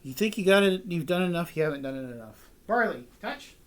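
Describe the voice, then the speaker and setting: A woman dog trainer talks through her session in a relaxed, casual way, explaining what she is doing as she goes. Her voice sits low for a woman, but it moves a lot in pitch. A faint hum of noise runs underneath. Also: fast talker. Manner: chatty, explains her steps aloud while training.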